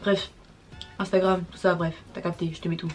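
A woman's voice: on the low side, level tone, fairly quick, soft background music. A young woman vlogging a storytime, exasperated and slangy, swearing as she vents. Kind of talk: casual storytime monologue.

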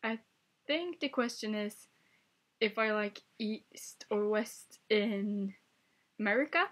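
This young vlogger, a native Swedish speaker, films a lighthearted tag chat from her small bedroom using a desk webcam and laughs frequently throughout. Her mid-range, slightly bright voice takes things slowly.

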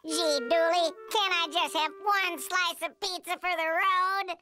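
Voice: extremely high pitch, fairly even intonation, a little slow, exaggerated voice. An actor voicing a brash, wisecracking male cartoon woodpecker full of mischief. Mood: cheeky. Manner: wisecracking, cheeky. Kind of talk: cartoon voice acting. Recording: loud cartoon music behind.

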